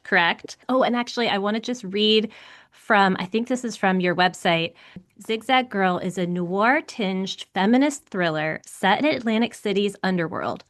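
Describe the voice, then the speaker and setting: A woman's voice: mid-range voice, a bit bright. A woman hosting a podcast about publishing, introducing her guest and asking questions with chatty enthusiasm. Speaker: podcast host. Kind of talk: podcast interview.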